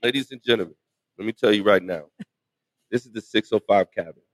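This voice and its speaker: A man's voice: lowish voice, quick pace, no echo. A man co-hosting a live podcast from a taproom, playful and teasing, hyping up the crowd. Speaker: podcast co-host. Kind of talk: lively live podcast banter. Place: restaurant taproom, live show.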